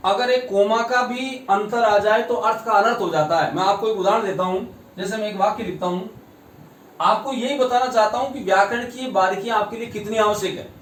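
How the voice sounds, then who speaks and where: High-voiced man teaching grammar, roomy sound. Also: steady tone, fairly bright tone, slight background noise. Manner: slow, emphatic, repeats key words. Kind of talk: grammar lesson with a told anecdote. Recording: roomy, distant mic, faint ambience.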